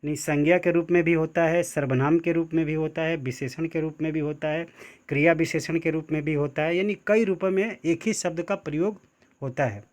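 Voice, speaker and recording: A man teaching an online grammar lesson, explaining slowly and repeating himself, stressing the key example words. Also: on the high side, fairly even intonation, a little mellow.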